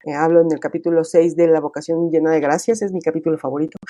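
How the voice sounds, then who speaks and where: A middle-aged woman talks casually as an interview guest, full of fillers and acted-out quotes. Her voice is mellow and warm, recorded dry and close with no room sound. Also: low-pitched, steady tone, fast talker, dry recording. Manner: chatty, many fillers, acts out quoted dialogue.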